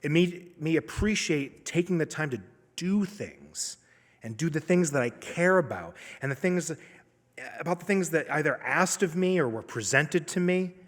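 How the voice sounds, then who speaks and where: A man's voice: on the high side, lively intonation. Man telling a story in a reverberant hall. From Maine. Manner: conversational, self-deprecating, with dramatic pauses. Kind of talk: live stage storytelling. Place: opera house stage.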